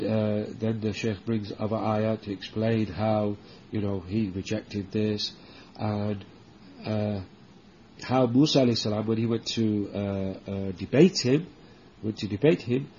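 Halting male teacher on a dull lo-fi recording. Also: on the low side, a little mellow, slight background noise. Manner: halting, many fillers and restarts, frequent "okay?" checks; recites Arabic verses quickly. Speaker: Islamic teacher. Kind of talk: religious book lesson.

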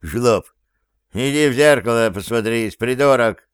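A disdainful elf scholar, as a male narrator plays him, cool and unflappable in tone. His low, even voice is smooth and unhurried, dry and close in an audiobook reading. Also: no room sound, natural voice. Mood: contemptuous. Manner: icy, contemptuous, unflappable. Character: haughty elf professor, cold and disdainful.

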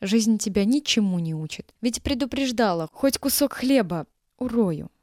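A tough, blunt woman cook speaks mockingly and cuttingly, as a woman reader puts her on. Her voice sits a little higher and louder than the reader's own. The recording is dry and close. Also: expressive, normal speed, no room sound, lightly acted. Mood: contemptuous.

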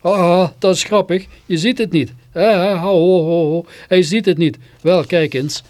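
A man putting on a booming, jolly farmer laughing "ho ho ho". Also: darkish tone, no echo, natural voice. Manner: booming belly laugh, slow good-natured drawl. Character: jolly, slow-witted farmer who laughs at everything.

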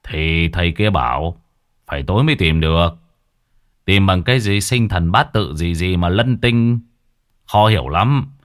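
A man doing a gruff, low old shaman. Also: expressive, measured pace, pauses often, pushed and bright, heavily acted. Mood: weary. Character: gruff older male mountain shaman, worried.

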